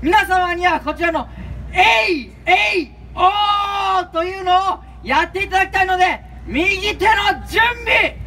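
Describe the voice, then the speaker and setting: High-pitched, declaiming samurai foot soldier. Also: male voice, measured pace, pushed and bright, slight background noise, heavily acted. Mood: eager, courteous. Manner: declamatory, formal. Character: revived samurai foot soldier announcer, loud, courteous, earnest. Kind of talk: stage samurai show, archaic Japanese speech. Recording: distant mic, crowd and music behind.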